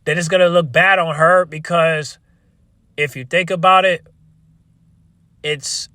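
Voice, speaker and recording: A man delivering a casual, opinionated rant to viewers as a video creator, exasperated and repetitive, with halting restarts and frequent swearing. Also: on the high side, steady tone, bright, forceful tone, no echo. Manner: swears freely. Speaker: wrestling commentary video creator.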